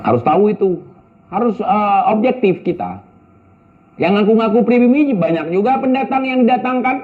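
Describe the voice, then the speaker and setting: Blunt and scolding, a man with a high voice responds to viewer questions in casual commentary, constantly throwing out rhetorical questions. He speaks at normal speed with lively intonation, and the audio sounds thin and tinny, as if over a phone.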